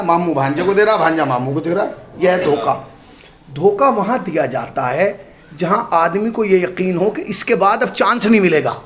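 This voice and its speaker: High-voiced male preacher in an echoey hall. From India. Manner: dramatic storyteller, rises to emphatic shouts, asks rhetorical questions. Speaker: maulana preaching at a memorial majlis. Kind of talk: Urdu majlis sermon. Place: mosque hall.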